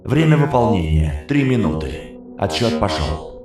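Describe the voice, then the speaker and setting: Soft sexless robot game voice, flat and emotionless, put on by a male narrator; echoey, loud music underneath. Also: fairly low pitch, moderate pace. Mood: cold. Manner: flat, without emotion or intonation. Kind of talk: audiobook narration.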